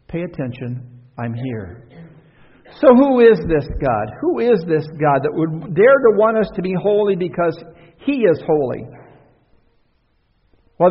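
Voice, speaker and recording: A man's voice: a little high, husky. A male pastor preaching a conversational sermon, asking the congregation rhetorical questions and letting his voice swell and drop. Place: church sanctuary. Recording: dull recording in a reverberant church hall.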